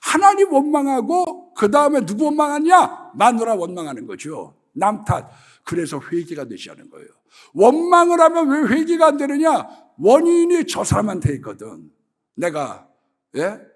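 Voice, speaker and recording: A man preaching a sermon as pastor, animated, swinging between loud exclamations and hushed asides, acting out quoted voices. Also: very high voice, moderate pace. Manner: acts out quoted voices in dialogue.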